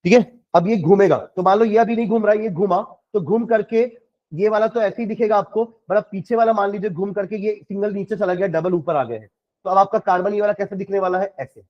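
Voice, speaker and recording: High-voiced chemistry teacher. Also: male voice, lo-fi sound. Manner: explains patiently, repeats dictation slowly, asks students questions. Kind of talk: classroom lecture, dictating notes.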